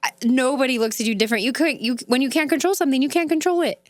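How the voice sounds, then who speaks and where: A woman co-hosting a podcast who chats casually, reacts quickly and reassures her co-host. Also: sits high, no echo. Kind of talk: casual chat.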